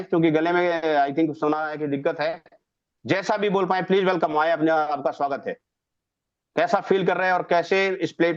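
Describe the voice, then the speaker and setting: A man hosting an online webinar, introducing guests with effusive, ceremonial praise over a video call. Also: on the high side. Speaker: webinar host. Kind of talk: formal event hosting. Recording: muffled video call audio.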